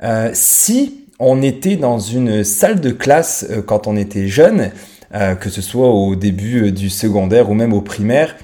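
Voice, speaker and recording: Hosting a podcast, a Frenchman in his thirties talks directly to his audience in a loose, unscripted monologue. His accented voice is fairly low and mellow, expressive, and paced a little slowly.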